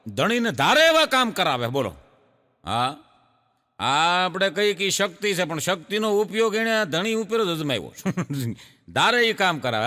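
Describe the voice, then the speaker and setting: A man telling jokes as a stand-up comedian, animated and storytelling. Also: high-pitched, in a large hall. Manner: animated joke-telling with audience laughter. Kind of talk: Gujarati folk comedy storytelling.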